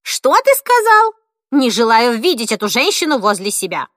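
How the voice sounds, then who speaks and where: A woman reading an audiobook, voicing a cantankerous 86-year-old woman who snaps and scolds in a shrill, indignant voice. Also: very animated, normal speed, fairly bright tone, dry recording, clean studio sound. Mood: defiant.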